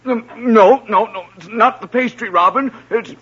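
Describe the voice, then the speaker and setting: An actor playing an anxious, food-loving friar, dithering and stammering through an old radio drama. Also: male voice, sits high, a little slow, bright, forceful tone. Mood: fretful. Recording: muffled vintage radio recording.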